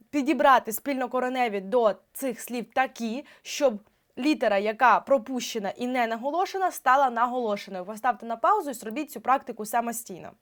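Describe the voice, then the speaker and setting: A young woman teaching a spelling lesson online, explaining patiently and drawing out the example words clearly. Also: fairly high pitch.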